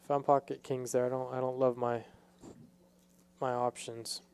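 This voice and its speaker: Guy doing laid-back poker commentary, soft mellow tone, clean smooth voice, kinda feels his way through sentences. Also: medium pitch, flat delivery, normal speed. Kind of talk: casual live poker commentary.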